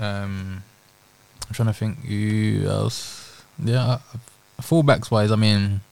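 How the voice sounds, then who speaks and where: A man's voice: fairly low pitch, fairly even intonation, slow, vocal fry, darkish tone, clean tone. Man with slangy roadman speech. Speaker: podcast host, amateur footballer. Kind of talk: casual football banter.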